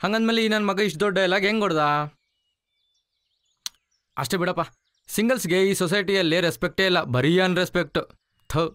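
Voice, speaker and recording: A grumbling, wisecracking buddy. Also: male voice, high voice, brisk, pauses often, a bit bright, no room sound. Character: grumbling single young male friend. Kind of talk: film acting.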